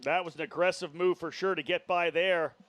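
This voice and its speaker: A man's voice: a little high, fairly even intonation, a little fast, fairly bright tone, no room sound. A man working as a motorsport commentator, giving live play-by-play and running through drivers and positions.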